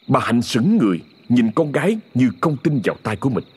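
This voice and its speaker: A man narrating a horror story in a dramatic, expressive scripted reading. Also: medium pitch, brisk, heavy background noise.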